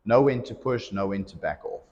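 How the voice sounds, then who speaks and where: Low-voiced man coaching, echoey lo-fi sound. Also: fairly quick. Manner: projecting, expressive coaching voice. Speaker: CrossFit coach. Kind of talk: casual podcast chat. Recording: lo-fi audio in reverberant room.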